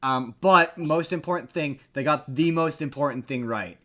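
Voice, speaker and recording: This podcast host's voice is on the high side and fairly bright, moving at a moderate pace. He riffs on pop culture in casual comedic chat, animated and leaning on repeated phrases for laughs.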